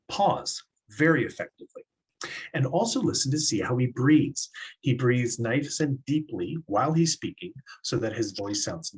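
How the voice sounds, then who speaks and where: A man teaching public speaking, his voice slightly husky and sitting in a middle register. He walks students through each point step by step in an encouraging classroom manner. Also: mid-range voice, low-quality recording. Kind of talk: classroom instruction.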